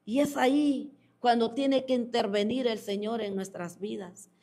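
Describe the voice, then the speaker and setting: Slow, emphatic woman preaching a sermon. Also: fairly high pitch, steady tone, warm tone. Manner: addresses listeners as beloved and reads out comments. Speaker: preacher hosting a program.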